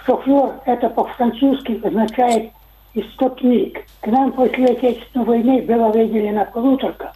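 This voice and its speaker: A man's voice: high-pitched, warm tone, echoey room, a little hiss or hum, poor audio. An older man calling in to a radio show, speaking in a formal, wordy, technical way. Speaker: caller. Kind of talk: radio call-in comment. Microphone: telephone.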